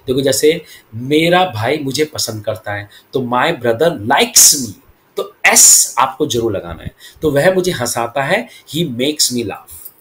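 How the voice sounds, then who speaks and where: A man teaching English grammar in Hindi. He explains each rule quickly, then says the English example sentence slowly and deliberately. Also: mid-range voice, a bit bright, slight background noise. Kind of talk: Hindi-language English lesson.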